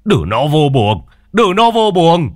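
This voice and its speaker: A man voicing a stern, gruff old grandfather who scolds and commands the household. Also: on the high side, big pitch swings, normal speed, dry recording, studio quality, soft background music, pitched above the performer's own voice. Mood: anguished shouting.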